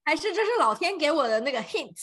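A woman's voice: high-pitched, very animated, fast talker, a bit bright. A woman from Taiwan co-hosting a casual chat, throwing in short teasing quips. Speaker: podcast co-host.

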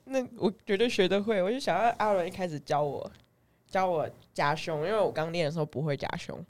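A woman with a Taiwanese Mandarin accent talks quickly in a fairly low voice. She hosts a casual podcast, chatting and telling stories as a lively storyteller who giggles often.

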